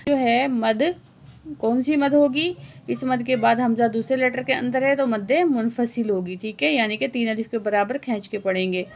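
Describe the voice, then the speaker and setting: A woman whose slightly high voice is gravelly and fairly even in intonation teaches Quran tajweed, going word by word. She spells letters and vowel marks, draws the words out in slow chanting, and supplies answers to her own quiz questions in fast, softer asides.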